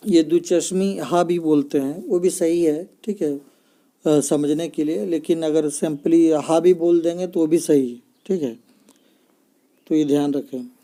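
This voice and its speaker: A man with a fairly high, dark voice teaches kids to read Arabic letters, speaking slowly and pausing often. Patient and explanatory, he regularly checks in with his audience and repeats himself with "ठीक है ना."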